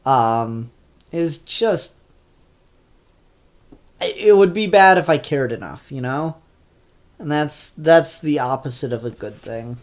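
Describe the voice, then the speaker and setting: Speaking slowly with long pauses, this comic book reviewer has a mid-range voice with lively intonation. His congested, stuffed-up delivery is offhand and full of ums and restarts as he casually reviews new issues.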